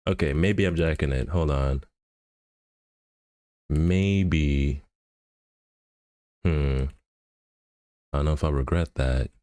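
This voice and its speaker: A man's voice: extremely low pitch, slow pace, long pauses, mellow, no echo, clean studio sound. A man streaming live, thinking aloud and muttering to himself as he edits an animation in a casual, laid-back way. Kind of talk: casual livestream commentary while animating.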